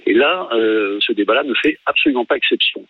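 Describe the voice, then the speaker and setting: A man calling in to a radio show over a phone line, speaking haltingly and politely in a husky voice. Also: medium pitch, lively intonation, no echo. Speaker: phone-in caller. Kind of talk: hesitant spoken opinion on live radio. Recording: narrow, tinny phone line.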